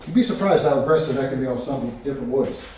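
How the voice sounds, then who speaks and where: Recorded off-mic from a distance in an echoey home workshop with heavy background noise, a woodworking vlogger talks fast in a mid-range voice. He narrates his project in a casual, rambling way, often using fillers and restarting.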